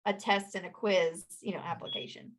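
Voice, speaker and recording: A woman guest in an interview, telling stories in a lively way and acting out the people she quotes. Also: normal speed. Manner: animated storyteller, acts out quotes in a higher voice. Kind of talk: conversational interview.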